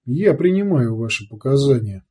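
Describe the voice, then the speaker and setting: A man voicing a calm, wry male commissar who speaks in a measured way in an audiobook. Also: mid-range voice, breathy edge. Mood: calm cool.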